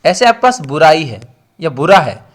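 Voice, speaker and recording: With big swings in his slightly high pitch and a normal speaking speed, a young man with an Uttarakhand Hindi accent teaches an online exam-prep class. He explains, stresses points through repetition, and addresses students directly.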